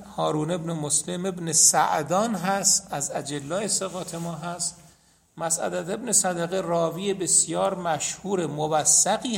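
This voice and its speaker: Gravelly man teaching a hadith class. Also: sits high. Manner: explains step by step, recites Arabic chains of narrators. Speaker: seminary teacher. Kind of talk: hadith lesson.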